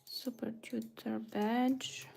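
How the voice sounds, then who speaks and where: Speaking extremely slowly in a high-ish voice with little pitch movement, a Bulgarian woman murmurs to herself as she designs a website on a livestream. Her tone is mellow, gravelly and slightly rough, and she often slips into a whisper while thinking aloud.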